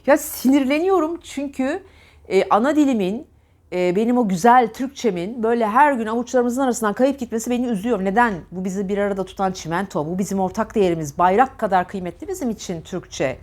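A woman's voice: on the high side, fast talker, a little mellow. A woman diction teacher giving an earnest, emphatic lesson to camera. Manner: earnest, emphatic, scolding repetition.

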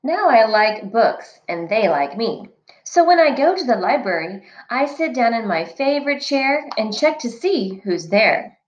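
A woman's voice: fairly high pitch, very animated, a little slow. A woman teacher reading a children's picture book aloud in a sing-song, rhythmic way. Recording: echoey room, dull lo-fi sound.

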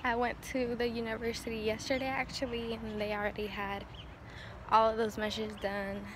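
A young woman talks casually as she walks or runs along outside. Her voice sits a little high with very little rise and fall. It is recorded on a handheld phone, with clear outdoor noise behind her. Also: level tone, moderate pace. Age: young adult. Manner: talking while on the move outdoors, walking or running. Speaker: vlogger. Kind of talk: casual chat to camera. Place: outdoors in the open air. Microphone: phone on a selfie stick at arm's length.

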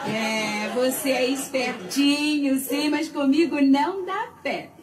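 A woman's voice: high-pitched, slow pace, a crowd in the background. A young woman with a Brazilian accent playing a coy, teasing woman who fends off a suitor in a comedy sketch. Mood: coy, chiding. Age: young adult. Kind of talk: comic sketch acting. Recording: clearly noisy background ambience.

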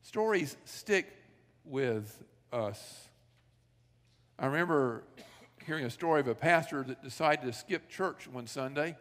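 A man's voice: medium pitch, lively intonation, unhurried, a bit bright. A male pastor preaching a sermon in a church sanctuary, telling stories, asking rhetorical questions and acting out quoted dialogue. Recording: long reverb of a church sanctuary.

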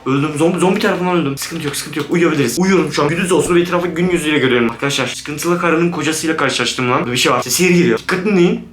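A man's voice: on the high side, rapid-fire, fairly bright tone, slight background noise. A man giving jumpy, swearing commentary on a horror game to his viewers. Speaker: gaming YouTuber. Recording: roomy room with background music.

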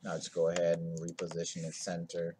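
A man's voice: low voice, completely flat delivery, a little fast, mellow, slight background noise. A man hosting a screen-recorded coding tutorial, talking in a laid-back, rambling way full of ums and asides.

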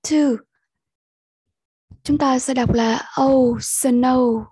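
A young woman with a Vietnamese accent teaching an online English lesson, slow and patient, repeating each sound for her pupils. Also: high voice, steady tone, darkish tone, breathy edge, no room sound.

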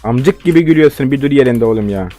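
A man's voice: mid-range voice, lively intonation, fast, dark tone, faint music behind. A young man giving live game commentary, ranting and swearing in frustration at his opponents. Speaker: gaming video host.

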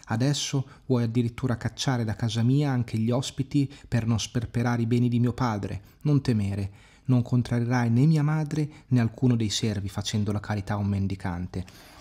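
A husky-voiced man voicing a young prince who speaks bluntly and firmly. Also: mid-range voice, normal speed, dark tone, close to an everyday voice. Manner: blunt, reproachful.

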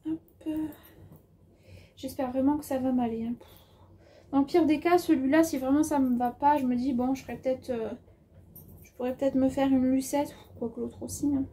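A woman's voice: high-pitched, fairly even intonation, moderate pace, pauses often, dark tone, a little hiss or hum. A woman with an accent of her own, chatting casually in a sewing haul video, thinking aloud as she measures fabric, with plenty of hesitations and filler words. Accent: has an accent of her own. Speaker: sewing vlogger.

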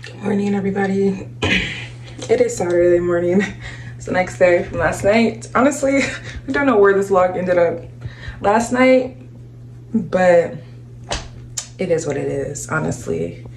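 A woman's voice: on the low side, a little slow, long pauses, darkish tone, roomy sound, slight background noise. A young woman vlogging casually from her apartment into a phone at arm's length, chatty, slangy and laughing often. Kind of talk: casual vlog chat. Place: apartment kitchen and home.

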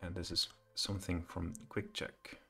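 A man's voice: sits low, level tone, normal speed, creaky, a bit bright, soft background music. A middle-aged man giving a live coding walkthrough from a home office, thinking aloud and hesitating with many fillers. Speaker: programming tutor.

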